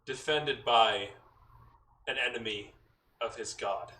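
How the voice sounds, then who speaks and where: A man voicing a deep, imposing male god whose voice booms with resonance. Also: slow, pushed and bright, reverberant, recorded from a distance, low-quality recording.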